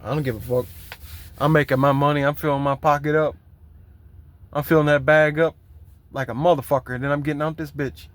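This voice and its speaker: A fed-up truck driver venting on camera, his voice sitting a touch higher than most men's. He rambles and repeats himself, swearing constantly as he complains in a loose, unscripted way. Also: steady tone, a little fast, long pauses, dry recording. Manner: heavily profane, aggravated complaining. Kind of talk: venting vlog rant.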